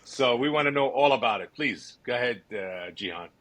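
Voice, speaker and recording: A man's voice: mid-range voice, lively intonation, a little fast, a bit bright. A male podcast host introducing his guest in a chatty way, piling several questions onto each other. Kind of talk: interview hosting.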